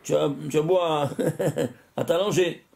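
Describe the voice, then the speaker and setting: A rabbi giving a religious lesson, animated, quizzing his listeners with rhetorical questions and often restarting and repeating words. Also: fairly high pitch, a little slow, gravelly.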